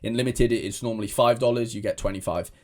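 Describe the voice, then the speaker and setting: His voice is mid-range, steady, fast and a little mellow as this young fantasy football content creator, a native Welsh speaker, rambles casually to camera. He restarts and uses fillers a lot.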